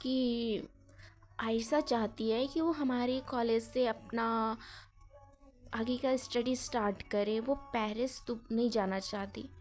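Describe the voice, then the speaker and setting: A woman's voice: a little high, steady tone, slow, a little mellow. A woman voicing a sulky, exasperated young college girl in a read-aloud story. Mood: subdued.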